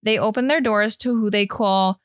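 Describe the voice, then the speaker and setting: A woman with a medium-pitched voice hosts a podcast about beer at a moderate pace, the recording dry with clean studio sound. Informal and self-deprecating, she shifts between casual chat and reading from her notes.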